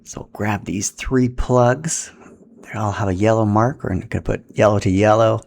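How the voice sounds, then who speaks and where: In a casual step-by-step tutorial, a man walks through a hands-on setup, talking informally while handling equipment. His low voice is gravelly and creaky, a little mellow, at normal speed. Faint background noise runs beneath the recording.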